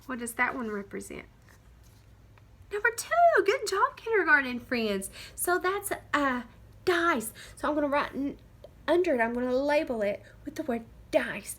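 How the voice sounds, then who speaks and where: A young woman teaching kindergarten phonics, sounding out letters slowly and praising the children. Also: high-pitched, big pitch swings, fairly bright tone. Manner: slow, encouraging, sounds out letters.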